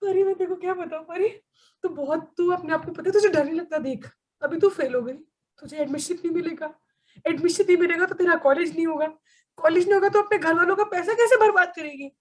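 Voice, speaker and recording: A woman's voice: very high-pitched, brisk. A woman playing a gloomy, melodramatic teenage schoolgirl in an amateur church skit, wailing and theatrical. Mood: wailing gloom. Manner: wailing, theatrical, doom-mongering.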